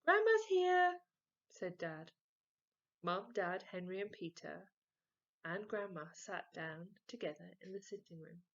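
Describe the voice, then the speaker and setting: A woman reading a children's story aloud slowly and gently. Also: on the low side, steady tone, gravelly, highs cut off. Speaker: storybook reader.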